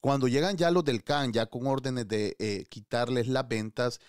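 A man's voice: mid-range voice, normal speed, clear, resonant tone, no echo, clean studio sound. A man giving opinionated news commentary, scolding and firing rhetorical questions. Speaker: political commentator.

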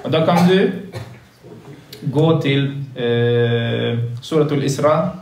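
A man with a mid-range, darkish voice and some vocal fry preaches earnestly to boys in a large carpeted mosque room, repeating his points for emphasis. A phone livestream records him from across the room, so he sounds distant and echoey, with a little hiss or hum.

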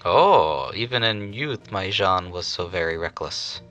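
A man's voice: low voice, lively intonation, unhurried, sharp tone, faint music behind, exaggerated voice. A man voicing a doting, theatrical grown man with bulging eyes, in an amateur anime dub. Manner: gushing, theatrical.

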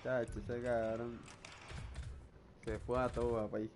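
A man's voice: medium pitch, level tone, a little slow, a little mellow, a little hiss or hum. A young man with a Puerto Rican accent chatting casually, swearing all the time and often breaking into laughter. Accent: Puerto Rican Spanish. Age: young adult. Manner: crude, laughing, swearing constantly. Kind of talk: casual vlog chat.

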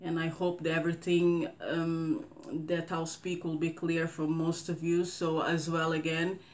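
A Cape Verdean woman in her thirties with a Portuguese accent gives a casual talking-head monologue to camera, indoors in front of a green screen. Her low, flat voice barely rises or falls as she speaks slowly and carefully. She pauses often, using soft fillers and restarting sentences.

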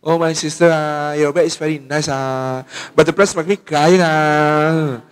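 A man's voice: fairly high pitch, steady tone, slow, clear, resonant tone. A man doing a sing-song haggling Chinese trader. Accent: Chinese-accented English, imitated. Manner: sing-song, tacks "ah" onto each phrase.

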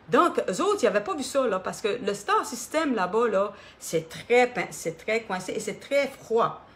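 A middle-aged woman with a Quebec French accent, telling her story in a casual, expressive way on a live stream, with many fillers. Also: mid-range voice, gravelly. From Quebec, Canada. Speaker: singer hosting her own live stream.

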